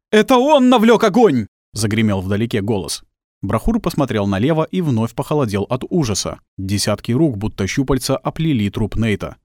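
A man narrating an audiobook in a tense, expressive storytelling manner. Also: fairly low pitch, no room sound. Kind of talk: dramatic scripted narration. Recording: dry close studio sound.

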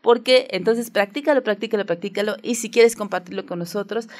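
A woman's voice: mid-range voice, brisk, darkish tone. A woman with a Mexican accent hosting a children's radio show, talking in a playful, coaxing way and often checking in with her young listeners. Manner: playful, coaxing, keeps asking listeners "right?". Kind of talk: friendly radio talk for children.

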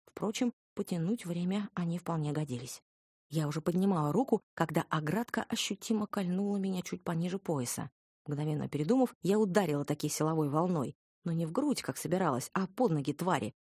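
A woman reads a fantasy audiobook in the first person, with dry irony. Her voice sits low and sounds husky. It is recorded close and dry, with no room echo. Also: expressive, brisk, a little mellow. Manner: wry, ironic storytelling. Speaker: audiobook narrator.

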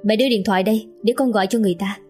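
A man's voice: sits high, fairly even intonation, rapid-fire, darkish tone, faint music behind, lightly acted. A woman reading a hot-tempered young man. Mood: angry. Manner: curt, demanding and threatening.

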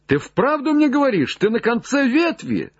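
A man voicing an excitable, obsessed gentleman giving urgent orders in a raised, breaking voice. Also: mid-range voice, a little slow, husky, no echo, dull audio. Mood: commanding.

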